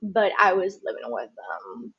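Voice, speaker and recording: A young woman from Venezuela in her twenties, chatting relaxed as a podcast guest. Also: lowish voice, a little slow, breathy edge, muffled recording. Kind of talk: casual interview chat.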